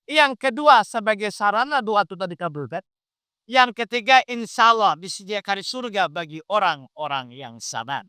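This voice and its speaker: A preacher in full flow, teaching a live audience with a steady stream of questions. His voice is bright and crisp, and the recording is dry and close. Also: high voice, moderate pace, no echo. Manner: animated, quizzes the audience with questions. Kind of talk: lively interactive sermon.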